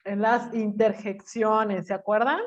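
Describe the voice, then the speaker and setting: A woman's voice: mid-range voice, fairly even intonation, unhurried, highs cut off. A woman teaching a class, chatty and teasing, often checking in with her students with questions. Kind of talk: online class lecture.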